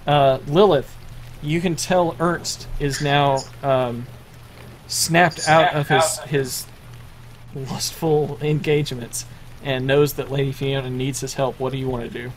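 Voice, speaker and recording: A man running a tabletop role-playing game as game master, narrating the action in a halting way with many fillers and restarts. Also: medium pitch, fairly even intonation, slight background noise.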